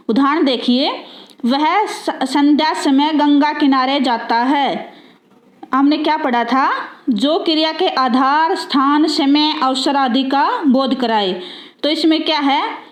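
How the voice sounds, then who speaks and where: A woman's voice: high-pitched, reverberant. A woman teaching a grammar lesson, repeating definitions and asking her students rhetorical questions.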